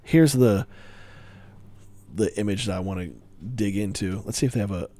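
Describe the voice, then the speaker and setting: A man's voice: on the low side, normal speed, dark tone, no room sound. A man giving a casual board game review, rambling with wry asides and breaking off mid-thought.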